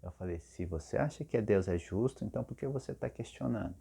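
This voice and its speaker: A man's voice: on the low side, animated, quick pace, creaky, warm tone, husky. A man, a therapist, talking casually to camera and telling a client's story, acting out her words.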